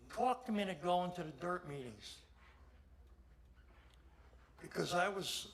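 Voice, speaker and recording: A man's voice: fairly high pitch, a bit bright. An older man, a longtime motorsports official, giving a plainspoken, rambling tribute speech at an induction ceremony. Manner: plainspoken, salty, rambling storyteller. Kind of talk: folksy anecdotal tribute speech. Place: induction ceremony hall with audience. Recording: audience noise throughout.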